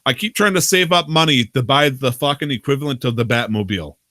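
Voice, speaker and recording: A podcast host, a man with a bright, keen tone, casually rambling through a story with plenty of swearing and laughs. The sound is dry with no room echo. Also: mid-range voice, fast. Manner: profane, rambling, laughs often. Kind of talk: casual storytelling about a roleplay game.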